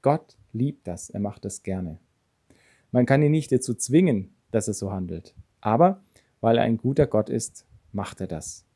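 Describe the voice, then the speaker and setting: A man's voice: on the low side, lively intonation, a little slow, warm tone, husky. A man giving a devotional talk, reading a Bible story and reflecting on it in an earnest storytelling manner. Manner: earnest storytelling, reads scripture then comments. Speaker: preacher.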